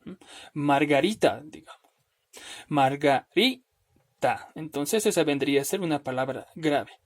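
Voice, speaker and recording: A man teaching a recorded spelling lesson over slides, patient and step by step, often checking in with "¿no?" and slowly drawing out words to show where the stress falls. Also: fairly high pitch. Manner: patient, explains step by step with frequent "¿no?".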